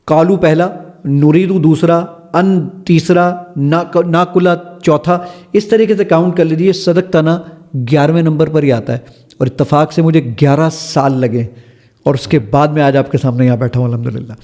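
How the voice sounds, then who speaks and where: Appearing as a podcast guest, a man who founded an app eagerly steps through its features one at a time, explaining and demonstrating each. He speaks with a fairly high, steady, mellow voice.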